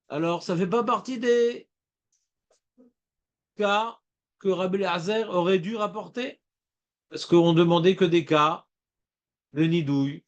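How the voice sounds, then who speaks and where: A man teaching a Talmud class, explaining in a lively way and quizzing his students. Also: sits high. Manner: lively, asks students questions, playful rhymes.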